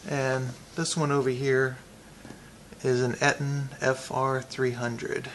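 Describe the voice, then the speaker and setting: A man offers a casual, unscripted product review, thinking out loud haltingly with pauses. His mid-range voice shows little pitch movement, and there's background noise.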